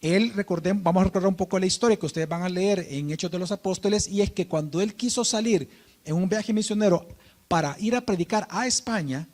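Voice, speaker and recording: Pastor preaching, high-pitched. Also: male voice, a little fast. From Guatemala. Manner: storytelling, acting out quoted dialogue softly. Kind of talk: sermon with personal story. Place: church.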